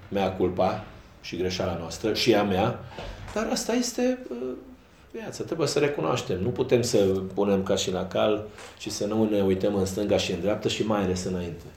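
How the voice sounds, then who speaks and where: A man's voice: lowish voice, darkish tone, slight background noise. A man speaking as a football coach at a post-match press conference, frank and self-critical. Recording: roomy echo.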